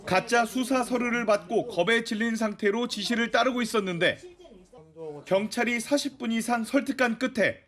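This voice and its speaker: A man's voice: very high voice, moderate pace, fairly bright tone. A man narrating a scripted news report as a reporter.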